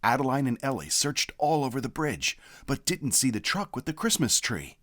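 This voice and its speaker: A male narrator performs a prepared reading of a kids' picture book. The delivery is unhurried and animated, with pitch moving liberally through the story.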